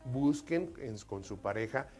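A man from Mexico co-hosting a live talk show. He chats in an easygoing way and tells jokes, acting out the characters in small put-on voices. His pitch sits in the middle range, with soft music running faintly behind him. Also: lively intonation, measured pace. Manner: jokey storyteller, acts out voices in jokes. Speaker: radio show co-host.

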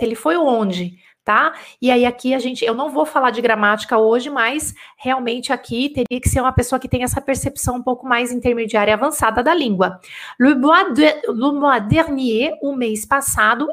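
High-voiced woman teaching French live. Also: a bit bright. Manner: encouraging, chatty, reads viewer comments aloud. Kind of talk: live online lesson.

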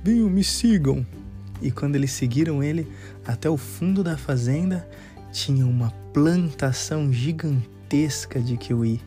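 A woman narrating a children's story in an animated, drawn-out sing-song way. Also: low-pitched, faint music behind.

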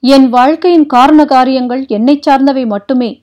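A woman's voice: sits high, moderate pace, warm tone, close to an everyday voice. A woman voicing a proud, fiery young princess who speaks sharply and defiantly, read for an audiobook. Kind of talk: audiobook character reading.

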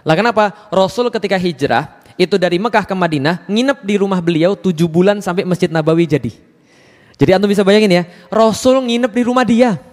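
A man giving a lively religious lecture who keeps asking the audience questions. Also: sits high, a little fast, big-room sound. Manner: animated, asks the audience many questions. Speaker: Islamic preacher.

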